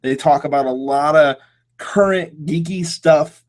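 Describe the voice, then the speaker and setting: A man's voice: fairly high pitch, measured pace. A man talks on his own podcast in an easy, casual way. He rambles and hesitates, trailing off and restarting his sentences often. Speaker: podcast host. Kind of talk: casual solo podcast chat.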